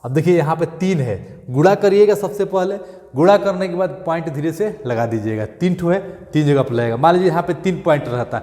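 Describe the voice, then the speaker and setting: A male maths teacher, repeating steps and checking in often with "thik hai" and "clear". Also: a little high, expressive, a little fast, dark tone, big-room sound. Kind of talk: classroom maths lesson.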